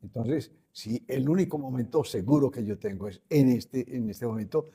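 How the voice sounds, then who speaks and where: An older man appears as a guest speaker on spiritual growth, offering reflective, conversational teaching in a husky, dark, medium-pitched voice at normal speed. He teaches earnestly and repeats his key phrases.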